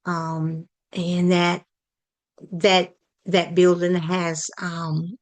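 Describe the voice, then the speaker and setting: Woman giving a talk, slow and halting, lots of uhs and restarts, lowish voice. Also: little pitch movement. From Palestine, Texas. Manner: hesitant, many fillers and restarts. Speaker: community project leader presenting. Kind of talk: halting prepared presentation.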